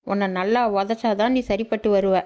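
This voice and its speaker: A woman voicing a drunken, bullying husband who talks gruffly and scornfully. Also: mid-range voice, fairly even intonation, a little fast, noisy background, lightly acted.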